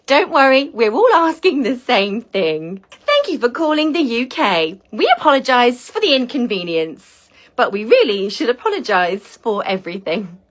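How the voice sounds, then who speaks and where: A woman's voice: fairly high pitch, big pitch swings, moderate pace. A woman performing a sarcastic automated phone menu, read in the cadence of a recorded phone message. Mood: deadpan sarcastic.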